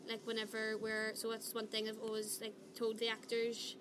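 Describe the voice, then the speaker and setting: A woman's voice: a little high, completely flat delivery, moderate pace. A woman chatting casually in an interview as a play's director. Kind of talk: casual chat. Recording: clearly noisy background ambience.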